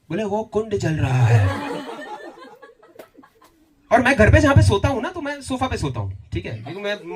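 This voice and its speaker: A young man in his twenties doing a stand-up comedy set, telling stories and acting out dialogue. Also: high voice. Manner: animated storytelling, mixing Hindi and English, acting out dialogue. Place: comedy venue with a live audience.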